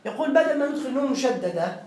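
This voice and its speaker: A man's voice: very high voice, expressive, fast talker, darkish tone, far from the mic. A man teaching a classroom grammar lesson, explaining step by step and quizzing his students. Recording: roomy classroom with faint noise.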